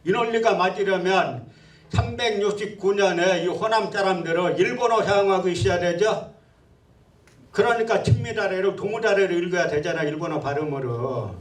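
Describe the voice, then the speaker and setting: A man's voice: high voice, normal speed, roomy sound, recorded from a distance. A man giving a public history lecture, scornful and full of rhetorical questions.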